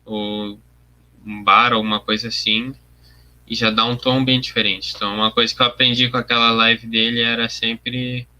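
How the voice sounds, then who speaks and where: Coloring his artwork live, a young man muses on his process and responds to his viewers' comments. His medium-pitched voice stays level and sharp at a normal speed.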